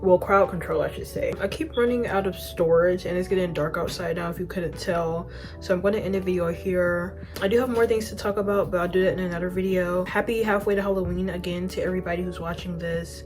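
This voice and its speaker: A young woman vlogger telling an animated storytime to her phone camera, often laughing at herself. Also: on the low side, quick pace, faint music behind. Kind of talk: storytime vlog.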